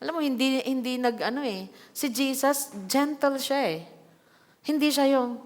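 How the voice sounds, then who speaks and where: A woman pastor preaching a sermon in a church hall, reading scripture and adding lively asides with acted quotes. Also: high-pitched, normal speed. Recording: long hall reverb.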